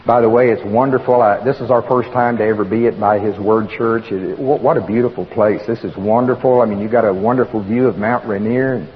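A man's voice: on the low side, steady tone, a little fast, hardly any pauses. A man with an Oklahoma accent preaches informally as a guest preacher, folksy and plain-spoken, repeating words for emphasis. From Oklahoma, United States. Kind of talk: informal sermon to a congregation. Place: church sanctuary. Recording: reverberant hall, muffled, faint noise.

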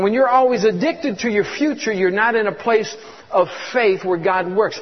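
A man in his fifties preaching a sermon as a guest preacher, fervent, repeating words and calling for congregation responses. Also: high voice. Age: 50s. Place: church. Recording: echoey hall, dull lo-fi sound.

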